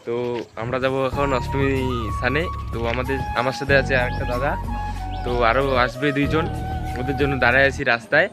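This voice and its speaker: A man's voice: medium pitch, flat delivery, quick pace, over music. A man casually vlogging outdoors, chatting directly to his viewers. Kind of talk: casual vlog narration. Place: outdoors on a road and at a crowded fair.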